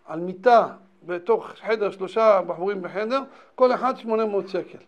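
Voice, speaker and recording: A man, a rabbi, giving a Torah lesson and telling a story in an animated way, repeating phrases for emphasis. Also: high voice, muffled recording. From Israel.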